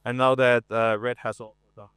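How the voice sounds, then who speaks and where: A man in his forties giving a conference presentation, relaxed and self-deprecating, with frequent hesitations and a voice worn from talking a lot. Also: medium pitch, normal speed, smooth, no room sound. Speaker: conference speaker, art director. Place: conference stage.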